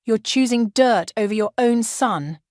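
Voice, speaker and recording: A man's voice: extremely high pitch, a little slow, darkish tone, dry recording, voice pushed up. A desperate grown son, pleading and panicking, his voice climbing as it breaks, read by a woman storyteller. The sound is close and dry, with no room around it. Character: desperate adult son losing his inheritance.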